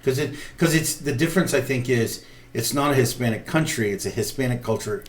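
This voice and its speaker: A man's voice: mid-range voice, brisk, crowd noise. A man hosting a casual interview, chatty and friendly, often restarting his questions mid-sentence. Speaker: talk show host.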